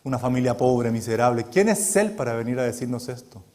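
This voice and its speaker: Indignant, sneering townsfolk acted by a male preacher, lower and heavier than his own voice. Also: animated, a little fast, darkish tone, lightly acted. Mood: scornful. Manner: sneering, indignant rhetorical questions. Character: scornful resentful hometown townsfolk, indignant adult men.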